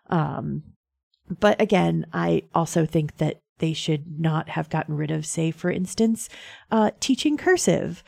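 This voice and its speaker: Woman host, casual and opinionated news talk, gravelly vocal fry, dark soft tone. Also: deep voice, dry recording, studio quality. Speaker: host of a science and history news show. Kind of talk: casual talk on news stories with personal asides.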